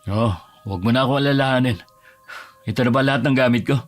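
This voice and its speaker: A man's voice: medium pitch, fast talker, lightly acted. An actor playing a bus driver and husband who has turned curt and defensive, snapping and raising his voice. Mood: gentle. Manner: curt, bristling, flares into shouting. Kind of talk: audio drama acting. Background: music.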